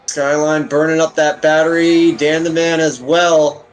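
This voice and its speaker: A man giving live sim racing commentary, excitable and joking, rising to shouts at incidents. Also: on the high side, unhurried, low-quality recording. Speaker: race commentator.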